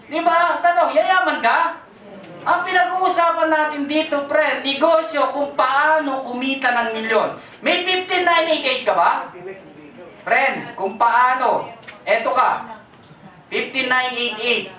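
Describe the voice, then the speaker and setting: A presenter giving a sales pitch at a business event, firing quick questions and jokes at the audience. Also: bright, forceful tone. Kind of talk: lively sales pitch, mixing Tagalog with English. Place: indoor event hall with a live audience. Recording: echoey event hall, voice far from the mic.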